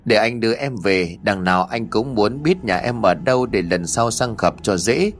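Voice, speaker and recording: A man's voice: on the low side, animated, normal speed, soft background music, natural voice. A man playing a stammering, flustered young man. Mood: puzzled. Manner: stammering, pleading.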